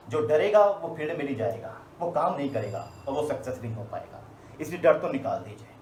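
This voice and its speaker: Male trainer, storytelling motivational delivery, slightly raised pitch, recorded in a roomy space. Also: a little mellow, slight background noise. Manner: storytelling, rhetorical questions, emphatic. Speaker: team trainer. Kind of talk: live motivational training talk. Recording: echoey room, faint ambience.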